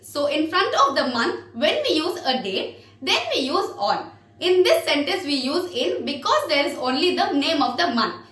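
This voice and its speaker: A woman gives a spoken lesson, and her high voice moves up and down a lot. She pronounces words carefully and repeats each one for her learners. The room she is in is echoey. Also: bright, forceful tone. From India. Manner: repeats each word slowly and clearly for learners. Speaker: English teacher.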